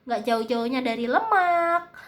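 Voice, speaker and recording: High-voiced Indonesian woman with a slight lisp. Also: expressive, unhurried. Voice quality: slight lisp, occasionally slurred r. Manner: hesitant, searching for words, explanatory. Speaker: tarot-style reading host. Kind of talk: casual spoken monthly forecast with advice.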